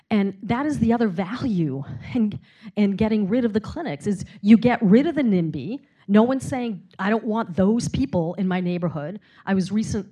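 Woman panelist, low warm voice, emphatic conversational delivery. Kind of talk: panel discussion answer.

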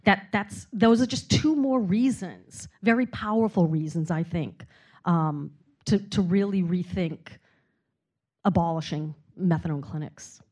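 Low mellow woman speaking on a panel. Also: a little slow, slightly rough. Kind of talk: panel discussion answer.

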